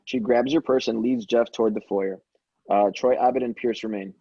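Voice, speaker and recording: A man reads stage directions as narrator in an amateur table read, occasionally stumbling and correcting himself. His mid-range voice is warm and husky, with fairly even intonation and normal speed, captured by a dull, dry lo-fi microphone with no echo.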